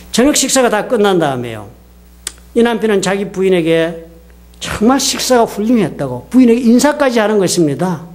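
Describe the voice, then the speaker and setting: A man's voice: sits high, a little mellow. A man preaching a sermon as a pastor, telling a story and putting questions to his congregation. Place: church sanctuary.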